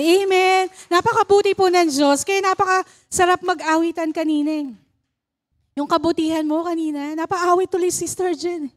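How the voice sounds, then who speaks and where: Filipino lady preacher, high voice, chatty and laughing, keeps asking amen. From Philippines. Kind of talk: Taglish sermon.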